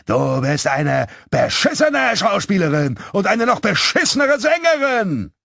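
A man voicing a foul-mouthed evil little boy who hurls shrill, drawn-out taunts in a storybook reading. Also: huge pitch swings, gravelly, sharp tone, no room sound, studio quality, exaggerated voice. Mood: jeering.

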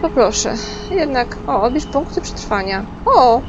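A woman's voice: high voice, sing-song, measured pace, dull audio, background noise. Chatty woman narrating her gameplay. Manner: chatty, talks to herself, swears and yelps when scared. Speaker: gaming streamer. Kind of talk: casual let's-play commentary.

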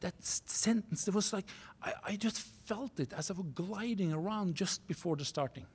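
A man in his forties from Norway with a Norwegian accent, giving a keynote speech at a university podium, earnest and halting, restarting phrases in non-native English. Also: sits high, a little mellow, breathy edge. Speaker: keynote speaker. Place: university auditorium stage. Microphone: podium microphone.

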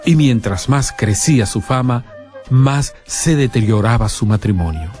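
A man doing measured, dramatic scripted narration for a documentary. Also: mid-range voice, lively intonation, a little mellow, faint music behind.

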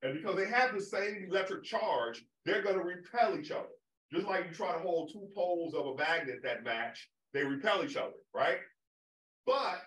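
A man's voice: high-pitched, fairly bright tone. A man giving a public astronomy lecture in a conversational way, often checking in with "right?". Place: observatory lecture room. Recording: roomy hall audio from far off.

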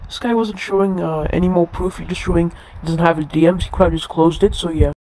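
Deep pitch-shifted voice changer, mocking. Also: steady tone, a little fast, no echo, low-quality recording. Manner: mocking, exasperated. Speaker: video host. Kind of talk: casual commentary over screen recording. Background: loud music.

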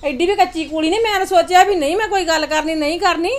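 Sharp-tongued older mother-in-law, played by a woman, scolding and nagging in a family skit. Her voice sits high. It rings in an echoey room. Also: quick pace. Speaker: actor in a family comedy skit. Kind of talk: Punjabi family drama skit acting.

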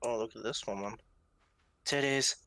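A man's voice: medium pitch, moderate pace, bright, forceful tone, dry recording. A young man chatting casually while playing a co-op game, laughing and joking often. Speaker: gamer. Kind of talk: casual co-op gaming chat.

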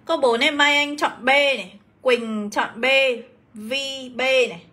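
A woman's voice: high-pitched, steady tone, measured pace, bright, forceful tone. A young woman teaching English on a livestream, chatty, greeting viewers and reading out their answers. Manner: chatty, reads out student comments, calls class "mọi người". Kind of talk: livestream exam review lesson.

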